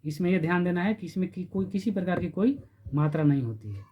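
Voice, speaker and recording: A man teaching a grammar lesson, repeating terms and stretching syllables slowly to spell them out. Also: high voice, expressive, a little hiss or hum. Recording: dull lo-fi recording.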